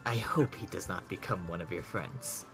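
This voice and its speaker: A man's voice: deep voice, moderate pace, fairly bright tone, faint music behind. A man voicing a polite, fussy robot shopkeeper who talks in a prim, formal and slightly anxious way.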